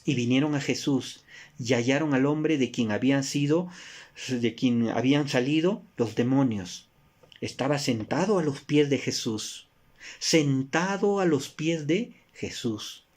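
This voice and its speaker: A Peruvian man preaches in a slow, unhurried voice. He keeps asking the listeners rhetorical questions. His delivery swings from emphatic rises down to quiet, soft endings. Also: mid-range voice. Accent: Peruvian Spanish. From Peru. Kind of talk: sermon.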